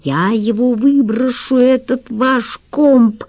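A woman's voice: on the high side, slow, dull audio, voice pushed up. A woman voicing an irritable father who thunders at his children. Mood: irritated. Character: irritable father, loud and grumbling.

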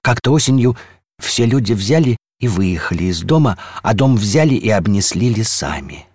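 A man reading a storybook aloud slowly and playfully, letting phrases fall soft at the ends. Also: lowish voice, sing-song, breathy edge, no room sound, clean studio sound.

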